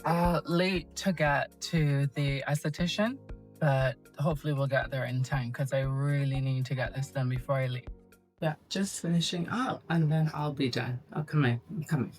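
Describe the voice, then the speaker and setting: Woman, lowish voice, casual vlog chat, handheld phone mic, faint music behind. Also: normal speed, a little mellow. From Barbados. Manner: chatty, asks viewers questions. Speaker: vlogger. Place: out and about in a city, car and shops.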